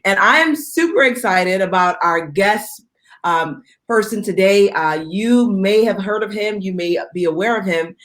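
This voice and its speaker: A woman's voice: mid-range voice, measured pace, fairly bright tone. Upbeat woman hosting a video chat. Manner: upbeat, laughs easily. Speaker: videocast host. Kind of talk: casual interview chat.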